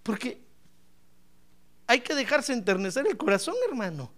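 A male pastor preaching a lively sermon, asking the congregation questions and swinging from shouts to soft asides. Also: very high voice, normal speed. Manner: animated, playful, asks the congregation questions; bursts into shouts then drops to soft asides.

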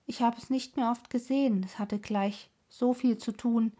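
A woman voicing an earnest, sorrowful sister in a read-aloud story, speaking in a breathy tone. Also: on the high side, steady tone, normal speed, warm tone, natural voice. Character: earnest, devoted sister telling a sad tale.

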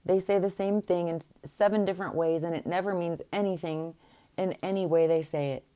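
A woman gives voice to a fussy old king from a storybook, grumbling in a dry way. The voice sits low and mellow. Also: steady tone, brisk, natural voice. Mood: wry. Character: fussy elderly king, mildly weary.

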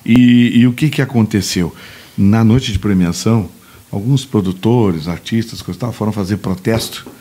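A man's voice: fairly low pitch, moderate pace, dark tone. A man, a guest journalist on a political talk show, recounting events with sarcastic asides.

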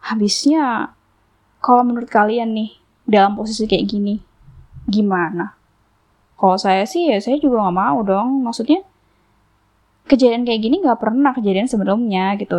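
Woman podcast host, higher pitch, casual and chatty storytelling. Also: darkish tone. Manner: chatty, acts out quoted exchanges in a higher voice.

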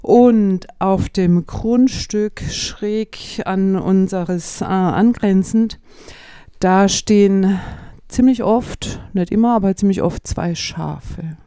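A woman co-hosting a podcast, telling stories casually and hesitantly, with pauses. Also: medium pitch, warm tone, clean tone, dry recording, clean studio sound. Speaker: podcast co-host. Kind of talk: casual chat and storytelling.

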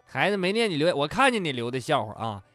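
A man's voice: fairly high pitch, sing-song, quick pace, over music. A man hosting a comedy show, reading out listener jokes with teasing wisecracks. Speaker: joke-reading show host.

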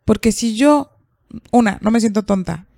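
A woman psychologist, calmly explaining and asking rhetorical questions in a podcast conversation. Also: fairly high pitch, normal speed, creaky, no echo, studio quality. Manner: calm, explanatory, asks herself rhetorical questions.

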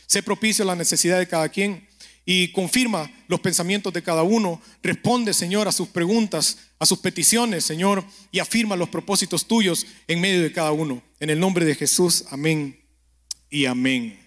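High-voiced man preaching a chatty sermon. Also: normal speed, fairly bright tone. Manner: keeps asking the listener "¿verdad?"; speaks directly to the listener, telling stories. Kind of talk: conversational sermon with prayer.

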